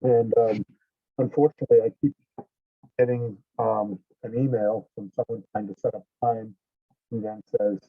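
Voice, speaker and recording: A man on a video call asking for help, his voice muffled as if heard through a wall, talking hesitantly with many pauses and fillers. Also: fairly low pitch, fairly even intonation, no room sound. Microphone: laptop mic on a video call. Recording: muffled tinny call audio.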